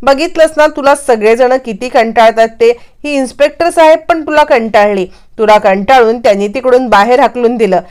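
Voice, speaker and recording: A woman's voice: fairly high pitch, moderate pace, hardly any pauses, a little mellow, clear, resonant tone, natural voice. A woman voicing a quarrelsome, sarcastic young man in a serial recap, in a taunting, argumentative way. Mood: irritated, taunting.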